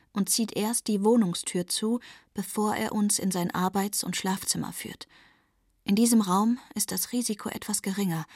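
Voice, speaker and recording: A woman narrating a first-person novel, often dropping to a breathy whisper. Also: medium pitch, a little mellow, no echo, studio quality. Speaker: audiobook narrator.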